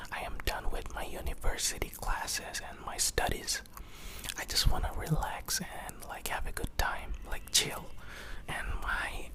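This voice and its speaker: A young adult vlogger whispering breathily with a sore throat, hesitant and apologetic, barely able to talk. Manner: hesitant, apologetic, halting phrasing. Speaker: YouTube vlogger. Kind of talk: whispered confessional vlog. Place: small hot room without fan or air conditioning.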